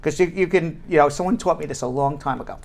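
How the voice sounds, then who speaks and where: A man's voice: a little high, quick pace, gravelly. A man with a Brooklyn accent hosting a live show in casual, joking banter, repeating phrases for emphasis.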